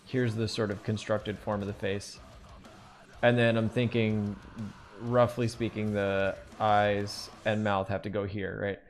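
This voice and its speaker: A man's voice: lowish voice, little pitch movement, measured pace, a little hiss or hum. A man teaching drawing on a live stream, thinking aloud in a rambling, casual way with many fillers.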